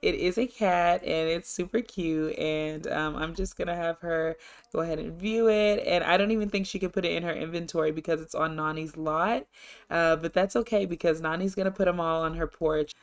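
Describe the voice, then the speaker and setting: A woman's voice: on the low side, fairly even intonation, normal speed. A woman narrating a life-sim game in a casual, chatty and upbeat way, rambling through what her character does. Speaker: gameplay narrator. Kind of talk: casual let's-play narration.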